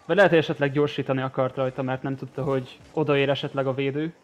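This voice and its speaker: A man's voice: mid-range voice, fairly even intonation, lo-fi sound, a little hiss or hum. A man co-commentating a video game match live, adding analysis of the plays. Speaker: esports co-commentator.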